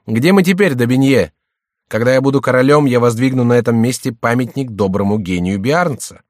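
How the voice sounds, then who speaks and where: A man's voice: medium pitch, brisk, no room sound, clean studio sound, pitched above the performer's own voice, natural voice. A man voicing an amorous young king, effusive and declamatory, in an audiobook reading. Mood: elated. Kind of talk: audiobook character voice.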